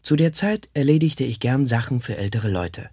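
A man narrating a first-person memoir in a steady, plain storytelling manner. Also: mid-range voice, moderate pace, husky, no room sound, clean studio sound.

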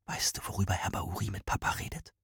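Man doing shy curious boy, hushed, secretive, soft husky tone, dry close sound. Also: on the low side, lively intonation, moderate pace, no room sound. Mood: whispering.

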